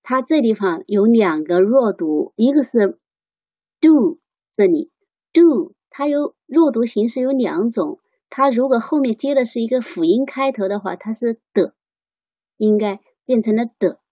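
A woman teaching English pronunciation in a slow, patient way, repeating examples. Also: a little high, expressive, mellow, breathy edge, no echo, highs cut off. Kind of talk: online pronunciation lesson.

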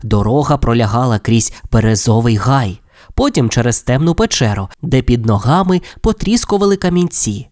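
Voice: medium pitch, lively intonation, moderate pace, no room sound, clean studio sound. A storyteller narrating a children's audio tale with scripted narration, speaking straight to a young listener. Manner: warm, addressing the child listener.

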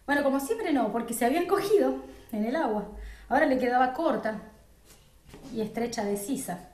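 A woman reading a children's story aloud in an expressive, unhurried way. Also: high voice. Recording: roomy echo.

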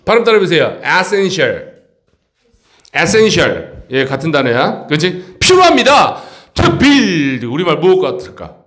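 A male English tutor giving an exam-prep grammar lesson in a high voice. His pitch swings widely as he talks, and he keeps checking in with the students. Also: very animated, normal speed, a bit bright.

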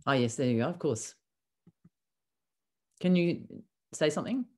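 A woman's voice: low-pitched, animated, measured pace, warm tone. Older woman chairing an online session. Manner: polite and brief.

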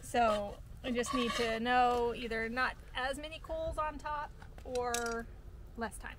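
A woman's voice: on the high side, fairly even intonation, slow pace, heavy background noise. A woman co-hosting a casual farm cooking vlog outdoors, chatty and practical, laughing easily. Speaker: farm vlogger co-host. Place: outdoors by a fire pit on a farm.

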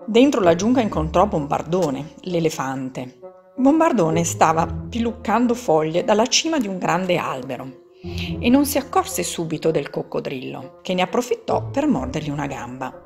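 A woman reading a children's story aloud, expressive and lively, as a podcast host. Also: fairly low pitch, normal speed. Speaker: children's book reader. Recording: soft background music.

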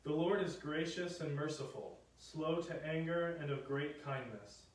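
A man serving as lector, reading scripture and the psalm in a measured, solemn way in a large church with cathedral echo. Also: on the high side. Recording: echoey cathedral from far off.

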